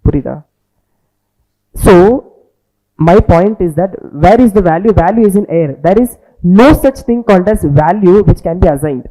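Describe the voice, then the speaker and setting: A man teaches informally in a Tamil accent, his voice high and rather mellow. He talks at a very rapid pace, explains through stories, and repeats himself, often adding short questions to check he is understood. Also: expressive, rough recording. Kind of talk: informal lecture with storytelling, mixing English and Tamil.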